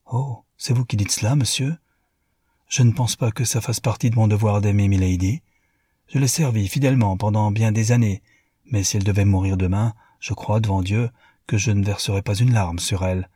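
A man reading the part of an elderly woman servant, pleading and deferential in manner, husky and dry. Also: fairly low pitch, fairly even intonation, normal speed, dark tone, dry recording. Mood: anxious pleading.

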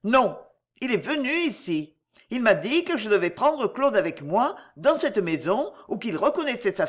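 A reader voicing an aristocratic wife who confesses with an emotional, pleading delivery in an audiobook. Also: female voice, medium pitch. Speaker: countess. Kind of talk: audiobook character reading.

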